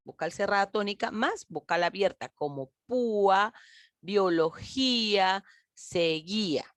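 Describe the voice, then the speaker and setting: A woman teacher giving a recorded grammar lesson, speaking slowly and emphatically, stretching key words and addressing her pupils directly. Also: mid-range voice, fairly bright tone, no room sound, studio quality.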